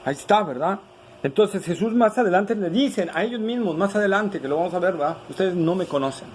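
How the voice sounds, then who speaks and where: High-voiced male pastor preaching. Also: lively intonation, brisk, a little hiss or hum, low-quality recording. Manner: rhetorical, frequent "¿verdad?" tag questions. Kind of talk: sermon.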